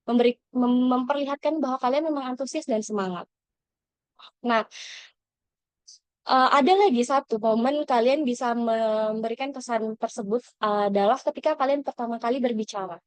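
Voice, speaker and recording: A woman's voice: a little high, moderate pace, a little mellow, smooth, no room sound. A woman mentoring scholarship applicants in an online lesson, speaking encouragingly to the audience with frequent fillers and self-corrections.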